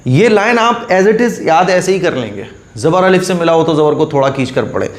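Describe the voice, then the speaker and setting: A man gives a patient Quran reading lesson in a slightly raised voice. He drills each letter slowly and repeats the rule often. The room around him is echoey. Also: a little high, animated.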